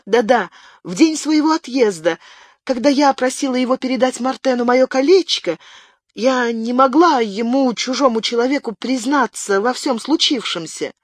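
A woman's voice: a little high, animated, measured pace, dry recording, clean studio sound, voice pushed up. A man voicing a distraught young woman in an audiobook, speaking in a trembling, pleading way. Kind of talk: audiobook character voice.

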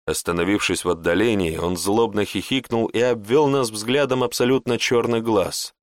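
A man reading a fantasy audiobook in an even, deliberate manner. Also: fairly low pitch, no echo, studio quality. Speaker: audiobook narrator. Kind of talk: scripted fantasy narration.

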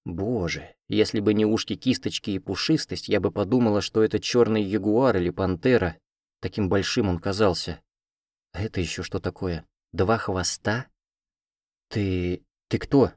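A man narrating an audiobook in a deep, low voice, keeping a steady and expressive storytelling pace. The sound is dry and close, with no room around it. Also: normal speed, dry recording. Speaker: audiobook reader. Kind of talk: scripted narration.

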